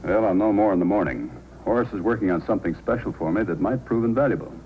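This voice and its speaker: An actor playing a steady, inquisitive Mountie sergeant with measured authority in an old-time radio drama. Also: male voice, fairly low pitch, natural voice, rough recording. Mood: calm, probing. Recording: old radio recording, faint noise.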